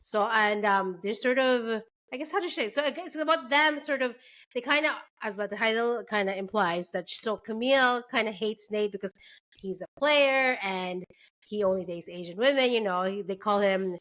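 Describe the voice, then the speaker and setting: A woman's voice: mid-range voice, normal speed, fairly bright tone. A young adult woman from Canada hosting a casual book club chat, talking loosely with lots of fillers and frequent laughter. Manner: chatty, laughs often, many fillers. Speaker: book club podcast host.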